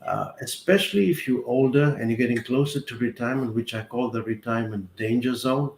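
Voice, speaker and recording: Gravelly older man from South Africa. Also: medium pitch. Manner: measured, explains with worked examples. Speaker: guest, accountant. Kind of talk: explaining finances in an interview. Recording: roomy echo with faint ambient noise.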